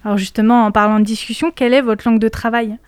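A woman's voice: a little high, little pitch movement, fast talker, smooth, dry recording, studio quality. A woman interviewer asking questions politely, with frequent hesitations.

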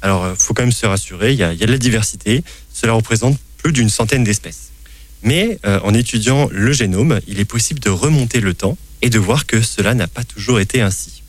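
A man hosting a science talk show, explaining botany with a playful quizmaster manner. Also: lowish voice. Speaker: science podcast host. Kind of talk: science chat with quiz.

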